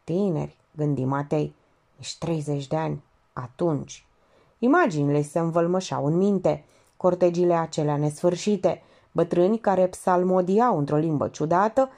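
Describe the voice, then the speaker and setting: Woman, low voice, audiobook reading, lifted voice in dialogue. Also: warm tone. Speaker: audiobook reader.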